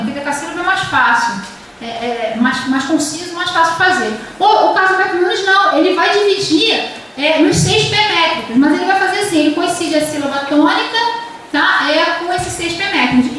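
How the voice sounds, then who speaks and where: A Brazilian woman teaches a literature class, her high voice stopping and restarting as she explains and reads verse aloud. She is picked up from a distance, and the classroom echo rings strongly around her words. A faint hum of room noise sits underneath. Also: lively intonation, a little fast, a bit bright. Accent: Brazilian Portuguese. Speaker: literature professor. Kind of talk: university lecture. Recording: echoey classroom from far off.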